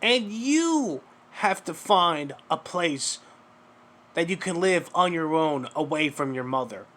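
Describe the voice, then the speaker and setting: A man commenting over a clip, lecturing and mocking with blunt profanity. His voice sits a little high and swings widely in pitch. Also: lively intonation, slow pace, a bit bright.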